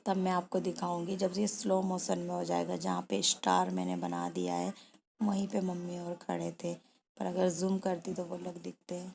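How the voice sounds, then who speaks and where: A young woman narrating her own vlog in a soft, quiet, subdued voice, grieving and tearful at times. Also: on the low side, creaky, slight background noise. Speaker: vlogger. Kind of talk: personal vlog voice-over.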